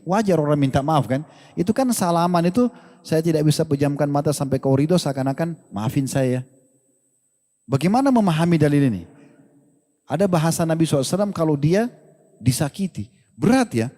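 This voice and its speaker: A male Islamic preacher giving a casual lecture, lively and joking, with colloquial slang and rhetorical questions. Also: a little high, long reverb tail.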